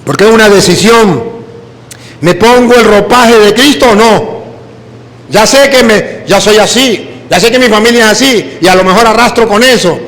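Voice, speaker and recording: A Venezuelan man, a priest, preaching a sermon full of lively personal stories in which he mimics the people he quotes. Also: high voice, moderate pace, in a large hall. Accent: Venezuelan Spanish.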